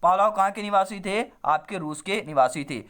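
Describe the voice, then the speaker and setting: A man with a high-pitched voice runs an online exam-prep class. His tone is smooth and resonant as he reads quiz options aloud and stresses each answer twice. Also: moderate pace, fairly bright tone. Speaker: exam coaching teacher.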